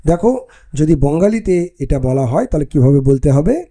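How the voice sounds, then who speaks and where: A male teacher delivers a recorded exam-prep lesson, walking through the material step by step and often pausing with "ah" between points. His voice is on the high side, sing-song, and dark in tone.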